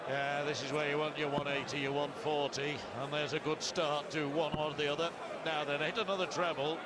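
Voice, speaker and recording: A middle-aged man giving live darts commentary in a measured, wordy way with wry turns of phrase. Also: a little high, level tone. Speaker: darts commentator, expert summarizer. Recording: very loud crowd noise behind. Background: loud darts arena crowd.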